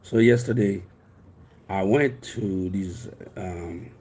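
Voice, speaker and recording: Telling a personal story, a Haitian life coach in his fifties rambles earnestly and keeps restarting; his first language is Haitian Creole and he speaks with a Haitian accent. His voice sits low, with a darkish, breathy tone, and he talks slowly.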